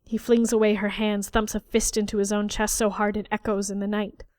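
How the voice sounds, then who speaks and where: A woman narrating an audiobook fairy tale in a measured, dramatic storytelling style. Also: medium pitch, level tone, a little mellow, no echo, clean studio sound. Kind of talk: scripted narration.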